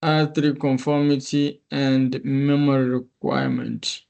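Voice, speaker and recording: A man's voice: mid-range voice, little pitch movement, a little slow, vocal fry, a little mellow, smooth, lo-fi sound. A male instructor on a video call, walking through a screen-share tutorial step by step in a methodical way. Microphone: computer mic on a meeting call.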